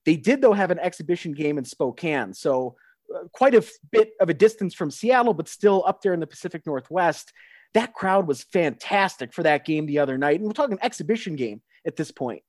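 A man's voice: fairly high pitch, lively intonation, a little fast, darkish tone, dry recording, studio quality. A man co-hosting a sports podcast, talking in an upbeat, enthusiastic way. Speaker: podcast co-host. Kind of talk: casual sports chat.

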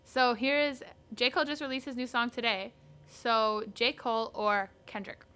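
A young woman co-hosts a casual music podcast with a bright, forceful voice. She talks in an animated, rambling way, full of "like" fillers. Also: a little high, moderate pace, smooth. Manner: chatty, animated, frequent "like" fillers. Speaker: podcast co-host. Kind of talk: casual chat.

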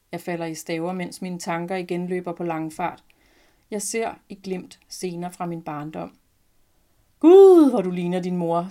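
A middle-aged Danish woman, a podcast host, reading her own personal short story aloud in a calm, reflective first-person voice. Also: lowish voice.

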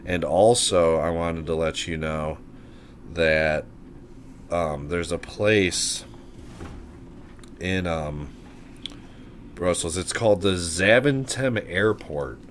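A man's voice: low voice, slow pace, long pauses, a little hiss or hum. A man co-hosting a casual podcast, loose and playful, often addressing listeners as folks. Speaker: podcast co-host. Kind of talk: casual chat.

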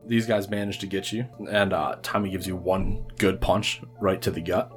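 A man's voice: low-pitched, steady tone, normal speed, soft background music. A man hosting and narrating a tabletop game as game master.

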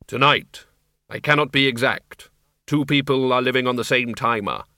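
A man voicing Death posing as a farmhand, speaking in short, flat, measured sentences. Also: medium pitch, dry recording, studio quality. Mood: solemn. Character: Death as a grave, terse farmhand.

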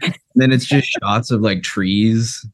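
A man's voice: lowish voice, slow. A man co-hosting a casual film podcast, loose and jokey, swearing and laughing as he talks. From American Midwest. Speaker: podcast co-host.

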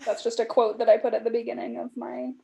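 Mellow-voiced woman reading her old journals. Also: a little high, flat delivery, fast talker, gravelly. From California. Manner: reflective, with frequent "like" fillers. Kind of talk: casual chat, reading aloud from old journals.

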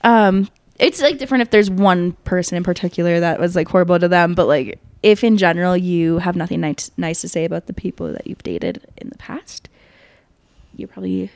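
A woman's voice: fairly low pitch, fairly quick, darkish tone, no echo. A young woman co-hosting a podcast who gives her opinions casually, saying "like" a lot. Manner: opinionated, filler-heavy with lots of "like". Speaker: podcast co-host. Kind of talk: casual chat.

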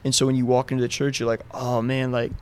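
Even-toned man in loose casual conversation. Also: mid-range voice, fast, clean tone. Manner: informal, loosely structured, peppered with "like", "right" and "you know". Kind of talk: casual faith discussion.

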